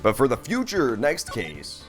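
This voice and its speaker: A man with a lively, swinging delivery hosts a casual game stream. He rambles playfully and swears freely, with faint music underneath. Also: mid-range voice, measured pace. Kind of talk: casual live-stream chat with gameplay commentary.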